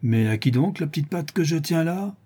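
A man's voice: on the high side, animated, normal speed, warm tone, husky, voice pushed up. A man voicing a brutal, thuggish male ex-convict bandit who snarls slangy threats in an audiobook reading. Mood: menacing.

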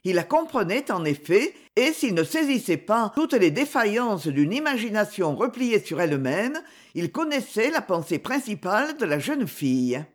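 An audiobook narrator with a mid-range voice reads a classic novel aloud, giving this scripted narration a measured, expressive storytelling style.

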